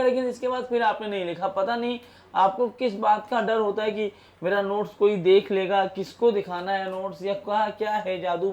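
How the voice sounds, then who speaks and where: A male teacher lectures a classroom with a raised, high voice. He chats, jokes and scolds students about study habits. The recording sounds muffled and lo-fi. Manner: chatty, scolding and joking with students. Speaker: physics teacher.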